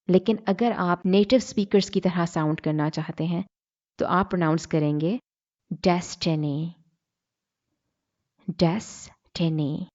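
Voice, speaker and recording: A woman teaching English pronunciation in a deliberate lesson style, repeating words to model the sounds and mixing in English phrases. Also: on the low side, a little mellow, highs cut off. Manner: switches between Hindi-Urdu and English phrases. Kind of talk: slow instructional lesson.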